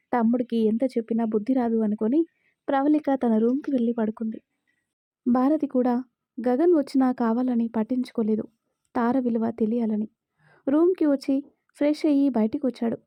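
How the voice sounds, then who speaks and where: A woman's voice: a little high, no echo, dull audio. Woman narrating a romance story.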